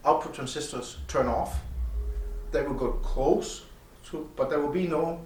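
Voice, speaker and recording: A man who designs loudspeakers explains his gear in conversation in a demo room at an audio show, speaking haltingly in a fairly high, slightly mellow voice. The room is echoey, the mic sits far away, and there's faint noise.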